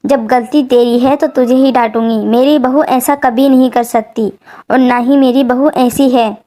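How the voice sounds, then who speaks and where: A woman's voice: sits high, fairly even intonation, a little slow, dark tone. A woman voicing a kind, protective mother-in-law in a storybook tale, speaking affectionately. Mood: stern.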